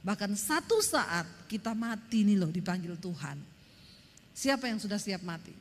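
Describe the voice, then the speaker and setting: Woman preacher, emphatic sermon, mid pitch, reverberant church hall. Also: moderate pace. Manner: emphatic, lively storytelling with acted quotes.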